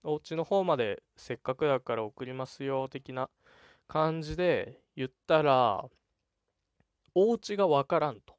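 A man's voice: mid-range voice, clear, resonant tone, no room sound, clean studio sound. Chatty young man telling a story. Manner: chatty, animated retelling with laughs and voiced quotes. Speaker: podcast host. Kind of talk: casual solo storytelling.

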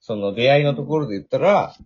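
A man hosting a radio show, talking in a playful, excitable, teasing way. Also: medium pitch, quick pace, muffled recording. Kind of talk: casual radio banter.

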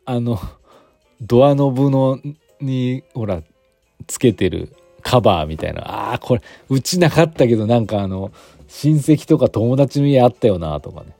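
A man's voice: mid-range voice, expressive, moderate pace, warm tone, dry recording, faint music behind. A man in his forties from Aichi with an Aichi accent, chatting casually and rambling through many fillers as a podcast host. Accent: Aichi Japanese. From Aichi, Japan. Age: 40s. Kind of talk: casual solo chat.

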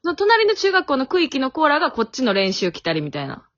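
A young woman with a Kansai accent talks in an easygoing, self-deprecating way. Her voice sits a bit high and moves a lot in pitch. She calls in from home, and the audio sounds dull and lo-fi. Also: huge pitch swings, fast, fairly bright tone. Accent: Kansai Japanese. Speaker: podcast co-host. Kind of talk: casual chat. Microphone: remote call.

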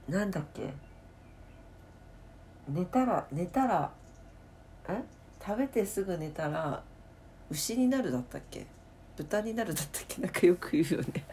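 A woman hosts her own late-night talk show from home, rambling and thinking aloud with plenty of pauses. Her voice sits low yet rises and falls a great deal, with a mellow, dark tone. Faint noise runs underneath. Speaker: podcast host. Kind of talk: casual late-night solo chat.

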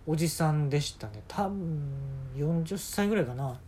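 A man's voice: fairly high pitch, normal speed, a little hiss or hum. A man with a Kansai accent telling a comic story alone, throwing in snappy retorts. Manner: snappy comeback-style retorts, animated.

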